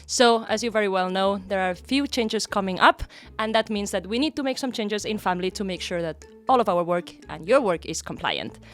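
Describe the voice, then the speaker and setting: A woman's voice: mid-range voice, expressive, brisk. A woman in a marketing role explains product changes. She sounds polished and upbeat and stays informative. Faint music plays behind her. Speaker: company head of customer marketing.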